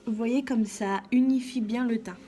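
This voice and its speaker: A woman giving a calm, step-by-step makeup tutorial as a beauty vlogger, often saying "donc" and "voilà". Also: on the high side, moderate pace, soft background music.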